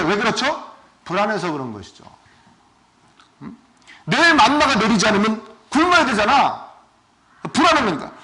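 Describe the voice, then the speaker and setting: A male pastor giving a sermon, asking his congregation questions and swinging between loud and soft. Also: very high voice. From South Korea. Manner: asks the congregation questions often.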